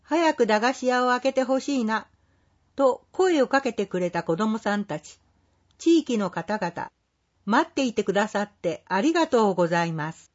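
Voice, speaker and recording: A woman reading a scripted community announcement in a polite, measured, formal way. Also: a little high, a little mellow, muffled recording. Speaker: care facility staff announcer.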